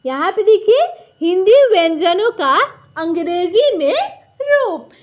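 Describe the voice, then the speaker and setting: A woman teaching a recorded lesson, patiently repeating each point and asking and answering her own questions. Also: very high voice.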